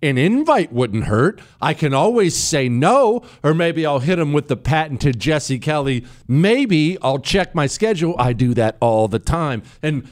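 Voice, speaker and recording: A middle-aged man delivers a comic radio monologue as the show's host. His voice sits a little high for a man and moves widely in pitch. He is emphatic and mock-exasperated, pausing for drama and repeating phrases to press the point. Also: sing-song. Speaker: radio talk show host.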